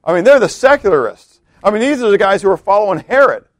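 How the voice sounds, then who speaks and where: A man's voice: lively intonation, fast, dry recording. Conversational male preacher, dry close sound. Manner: conversational, keeps checking in with "okay?" and "right?"; often drops to a hushed low voice for emphasis. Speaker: pastor. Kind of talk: expository sermon.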